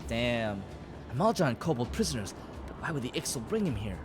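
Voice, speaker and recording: Animated man streaming a game. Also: mid-range voice, brisk. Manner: wry, playful, slangy. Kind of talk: casual gameplay commentary. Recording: game music behind voice.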